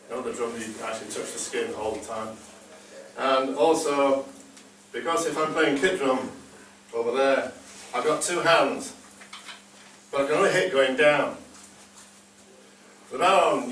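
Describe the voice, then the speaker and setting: A male bodhrán player talks casually between numbers during a performance in a big hall, dropping hesitant ums and dry jokes. He has a mid-range, fairly bright voice, recorded from a distance amid echo and background noise.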